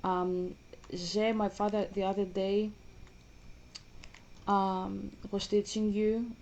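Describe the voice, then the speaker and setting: Greek lady rambling over her game, mellow low-key voice, bit of hum in the background. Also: level tone, slow. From Greece. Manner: rambling, chatty, restarts often. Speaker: vlogger. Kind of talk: casual gaming commentary.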